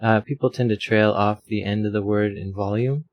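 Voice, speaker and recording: In a casual tutorial recorded at his home desk mic, with a fan running in the room, a man explains his audio filter settings in a rambling, self-deprecating way packed with fillers. His fairly low voice stays steady at a normal speed. The recording sounds dry and muffled.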